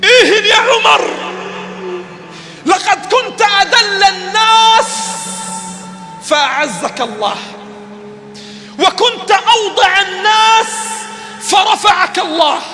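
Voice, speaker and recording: Brief: a remorseful old ruler crying out in a sermon retelling , as a man acts him, high and bright. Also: animated, takes it slowly, long pauses, in a large hall, soft background music, exaggerated voice. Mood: lamenting. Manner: pleading, crying out. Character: remorseful older male ruler, weeping and pleading.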